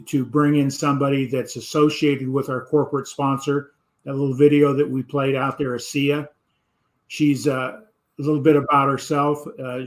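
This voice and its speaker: An older man hosts a business talk show in a flat, even tone. His voice sits at a middle pitch. He speaks steadily and pauses on fillers. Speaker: host.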